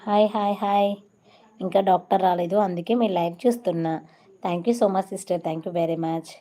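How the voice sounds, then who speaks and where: A woman's voice: lowish voice, fairly even intonation, moderate pace, dark tone. A woman from Telangana with a Telangana Telugu accent, hosting a casual live stream, chatting and greeting viewers by name with English phrases mixed in. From Telangana, India.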